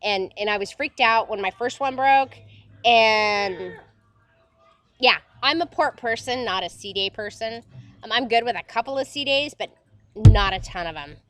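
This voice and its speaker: Middle-aged woman from florida, giggly and rambly, kinda high voice, casual chat. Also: animated, moderate pace, fairly bright tone. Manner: giggly, rambling with many restarts. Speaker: co-host. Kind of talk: casual chat while drinking.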